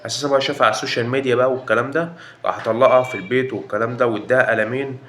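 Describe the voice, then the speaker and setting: Egyptian man, reaction host; very fast delivery, exclamatory and joking. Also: mid-range voice, steady tone, a bit bright, a little hiss or hum. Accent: Egyptian Arabic. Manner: exclaiming, joking, swears oaths often. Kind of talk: casual reaction commentary.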